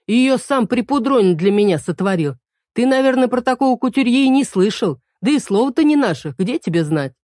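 A bossy, sharp-tongued witch-healer who scolds and mocks, with a dark, mellow tone, as a woman reader puts her on. The sound is dry and close. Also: a little high, lively intonation, a little fast, no room sound, voice pushed up, lightly acted. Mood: indignant. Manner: scolding, teasing, mocking.

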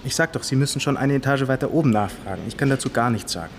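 Racing along at medium pitch and only lightly acted, a young man plays a timid 21-year-old police guard with a Bavarian accent, dutiful yet evasive. The naturalistic radio drama dialogue comes across plain, hesitant and defensive, with clearly noisy ambient sound behind it.

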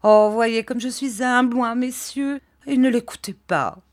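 A woman voicing an elderly, fawning mother who begs her son in a high, shrill, beseeching voice. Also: unhurried, lightly acted. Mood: pleading.

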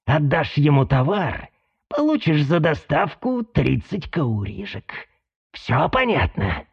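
A man voicing a sinister male lemur with a dry, creaky voice who speaks in a menacing, imperious way. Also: a little high, wildly swooping pitch, takes it slowly, lo-fi sound, full character voice. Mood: commanding.

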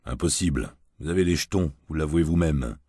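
A man voicing a terse, gruff middle-aged private detective who answers in short, flat replies. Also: a bass voice, brisk, dry recording, clean studio sound. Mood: curt. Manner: curt, flat, clipped replies.

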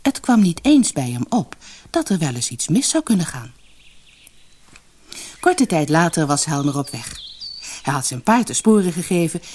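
A woman narrating a fairy tale audiobook in an expressive storytelling manner. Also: deep voice, normal speed, long pauses, slightly rough. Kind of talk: fairy tale read aloud.

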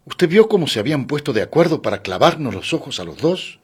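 A man's voice: mid-range voice, very animated, fast talker, a little mellow, breathy edge, pitched above the performer's own voice. Man reading tense protective young man, insistent, firm, storybook audiobook.

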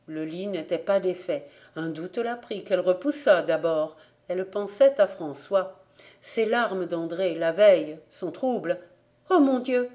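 Woman reading an audiobook, measured and steady. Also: fairly low pitch. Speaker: volunteer audiobook reader. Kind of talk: audiobook narration of a classic novel.

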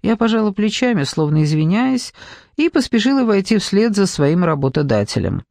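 A man narrating an audiobook in an even, measured storytelling manner. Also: high voice, vocal fry, dry recording, studio quality. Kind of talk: scripted narration.

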